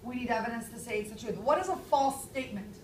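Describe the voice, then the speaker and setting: A woman in her thirties teaching a classroom language lesson, speaking clearly and stressing key words. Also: on the high side, fast, darkish tone, a little hiss or hum. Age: 30s. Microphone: far camera. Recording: echoey classroom from far off.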